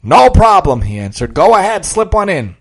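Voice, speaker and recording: A man's voice: high-pitched, moderate pace, heavily acted. A man playing an indifferent young male sales clerk who answers offhand. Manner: flat, offhand.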